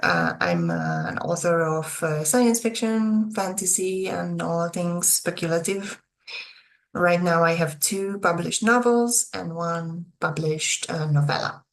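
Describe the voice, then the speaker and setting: A young adult woman with a Hungarian accent, an author on her own video channel, chats slowly and casually to her viewers with some hesitation. Her lowish voice has lively intonation.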